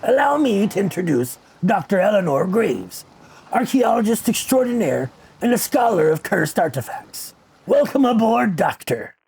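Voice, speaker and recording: A performer playing a gruff male pirate captain who hosts a radio call-in show, talking in a rolling, theatrical pirate manner. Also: medium pitch, big pitch swings, normal speed, a little mellow, full character voice, poor audio. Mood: grand. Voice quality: gravelly, husky. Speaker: radio host.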